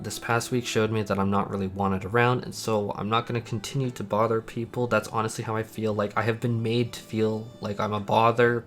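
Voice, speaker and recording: A sad, dejected man talking casually and candidly in a personal vlog, halting and emphatic as he confesses his feelings. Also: fairly low pitch, fairly bright tone. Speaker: content creator, channel host.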